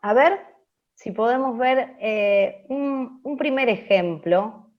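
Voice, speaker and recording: A woman with a Rioplatense Argentine Spanish accent teaches an open class on the radio, explaining slowly in a voice on the high side. She often checks in with short tag questions, and the audio is dull and lo-fi.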